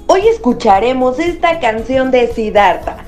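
A woman co-hosting a news podcast, reading headlines and chatting lively with her co-host. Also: high-pitched, measured pace, soft background music. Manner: lively, laughs between items. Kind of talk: news read with banter.

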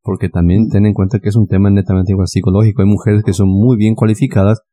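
A man's voice: on the low side, little pitch movement, quick pace, mellow. A man in a casual discussion who affirms his partner's points and builds on them.

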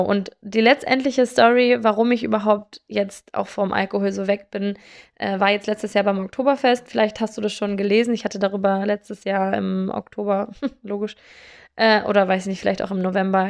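Candid young woman with a creaky voice. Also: mid-range voice. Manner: candid, self-deprecating, many fillers and restarts. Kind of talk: casual personal storytelling.

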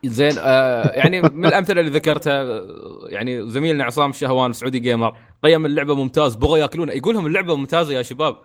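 A man with an Emirati Arabic accent, chatting on a gaming podcast, ranting in an animated way with frequent restarts. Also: medium pitch, very fast. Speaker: podcast co-host. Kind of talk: casual gaming podcast chat.

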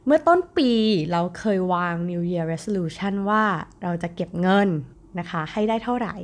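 A woman's voice: medium pitch, measured pace. A young adult woman hosting a solo podcast, talking chattily and directly to her listeners in a casual, friendly way. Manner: chatty, addresses listeners directly with polite particles. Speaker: podcast host.

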